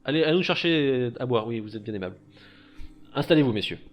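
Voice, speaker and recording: A man's voice: medium pitch, expressive, fast talker, muffled recording, lightly acted. Pompous, jovial merchant lord, played by a man, raised voice, effusive repetitions, faint music. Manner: effusive, repeating himself. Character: jovial, pompous wealthy merchant master, just woken. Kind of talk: tabletop role-play.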